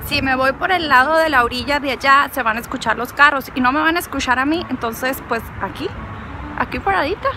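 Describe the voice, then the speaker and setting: High-voiced playful Mexican woman vlogging. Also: a little fast, background noise. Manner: playful, rambling, talks to herself and the camera. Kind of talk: casual chatty vlog while walking. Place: outdoor city park.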